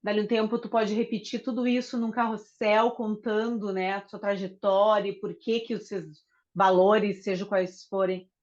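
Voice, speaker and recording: A woman guest on a podcast, talking in a relaxed, conversational way, often checking in with tag questions. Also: medium pitch, normal speed. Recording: dull lo-fi sound.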